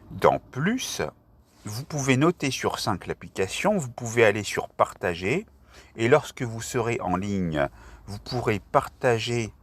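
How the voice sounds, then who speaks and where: Slow-paced man narrating an app tutorial. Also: on the low side. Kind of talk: step-by-step screen tutorial narration.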